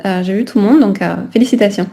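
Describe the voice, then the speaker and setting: A woman's voice: mid-range voice, quick pace, mellow. Woman teacher checking in constantly. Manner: keeps checking in with "d'accord?". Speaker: French teacher. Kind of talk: online class teaching. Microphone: video call.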